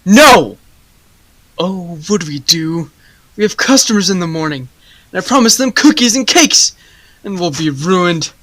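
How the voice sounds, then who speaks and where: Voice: medium pitch, very animated, a little slow, pauses often, fairly bright tone, no room sound. A teen doing a fretful, wailing baker. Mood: despairing. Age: teens. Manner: melodramatic, wailing laments. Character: fretful baker fearing ruin. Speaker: baker in a radio play. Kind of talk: high school radio play acting.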